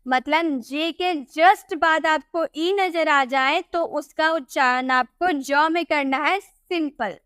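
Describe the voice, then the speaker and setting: Female tutor, high pitch, patient and repetitive, dry close recording. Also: a bit bright, no room sound. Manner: patient, repeats words slowly with rhetorical questions. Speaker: English pronunciation teacher. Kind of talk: Hindi-language tutorial explaining rules.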